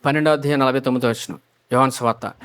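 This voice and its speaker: A man's voice: medium pitch, steady tone, racing, a bit bright, clear, resonant tone. A male pastor preaching a sermon, asking the congregation questions and repeating the key phrases back.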